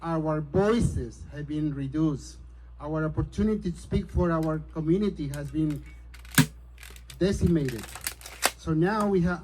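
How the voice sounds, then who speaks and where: A man's voice: fairly high pitch, background noise. A middle-aged man from Peru gives an earnest, somewhat hesitant campaign speech as a city council candidate at a community meeting. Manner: earnest, hesitant, grows forceful.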